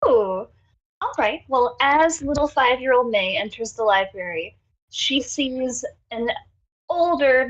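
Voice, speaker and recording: Woman player on a dull, lo-fi mic. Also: on the high side. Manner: relaxed, with fillers and laughs. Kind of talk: describing a character in a tabletop game.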